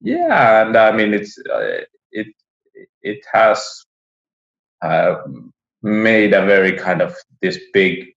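Guest voice: low, unhurried man from Finland, halting speech, muffled echoey call audio. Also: wildly swooping pitch, vocal fry, a bit bright. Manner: halting, frequent restarts. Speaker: podcast guest. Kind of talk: casual interview chat.

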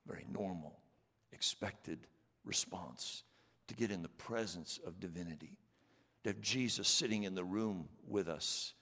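Slow gravelly preacher man in a reverberant church. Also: deep voice, sharp tone. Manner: earnest, emphatic, repeats questions. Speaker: pastor. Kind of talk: sermon. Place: church sanctuary.

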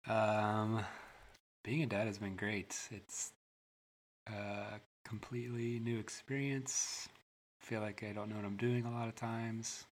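A man's voice: fairly low pitch, steady tone, unhurried. A young man, a new father, chatting casually on a podcast in an easygoing, modest way. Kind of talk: casual chat.

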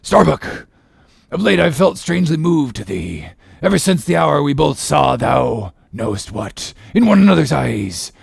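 A man voicing an obsessed old one-legged whaling captain in a gravelly, raspy voice, declaiming grandly in archaic seafaring speech for an audiobook. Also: a little high, big pitch swings, a little slow, dry recording, clean studio sound, voice pushed up, heavily acted. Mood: defiant, imperious. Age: older. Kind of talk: dramatic audiobook character reading.

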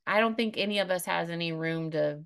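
A woman's voice: lowish voice, fairly quick, vocal fry, fairly bright tone, smooth. A woman co-hosting a podcast, telling stories in a casual chat and laughing easily. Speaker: podcast co-host.

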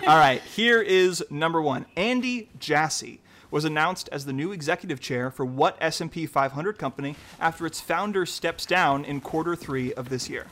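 A man hosting a casual news trivia quiz, upbeat and chatty, reading questions out slowly. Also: on the high side, a bit bright. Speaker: quiz host.

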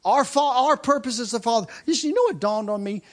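A man in his fifties preaching a sermon, driving points home with repeated lines and quick restarts. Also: very high voice, expressive. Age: 50s. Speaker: pastor.

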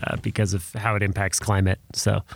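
A man's voice: on the low side, flat delivery, fairly quick, vocal fry, dry recording, clean studio sound. A man co-hosting a comedy podcast, rambling and laughing often as he banters. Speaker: podcast co-host.

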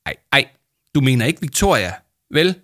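A man's voice: very animated, a bit bright. A man reading a storybook and voicing a hot-tempered teenage girl who stammers and flares up. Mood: upset. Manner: stammering, shrill outbursts.

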